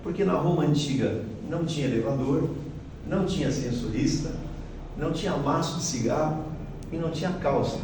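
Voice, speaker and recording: A guest lecturer with a Brazilian Portuguese accent speaks briskly in a fairly high voice, chatting and explaining over slides while regularly checking in with his audience. The setting is a large spiritist center hall, recorded with heavy echo, faint noise and the voice far from the mic.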